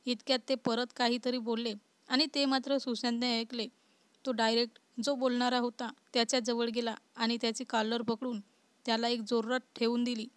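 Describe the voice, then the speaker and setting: A woman narrates a spoken story in an even, unhurried voice. Her pitch sits a little high and stays flat, with little rise and fall. The sound is dry and close, with no room around it. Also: dry recording.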